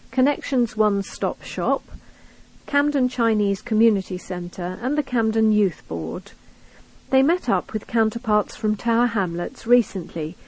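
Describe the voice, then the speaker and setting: A woman's voice: mid-range voice, a little mellow, rough recording. A British woman reading magazine news articles aloud as scripted narration for a recording. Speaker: reader of a recorded local magazine.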